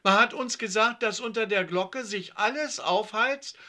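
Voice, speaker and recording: A man's voice: high voice, a little slow, pushed and bright, voice pushed up, exaggerated voice. A man voicing a bossy, practical schoolgirl in a children's story reading. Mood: eager bossy.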